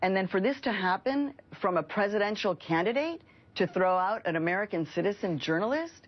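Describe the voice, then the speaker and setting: A woman's voice: mid-range voice, lively intonation, a little fast, highs cut off. Earnest woman journalist from Mexico. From Mexico, raised in Chicago. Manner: earnest and impassioned. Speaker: journalist panel guest. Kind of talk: cable news panel discussion.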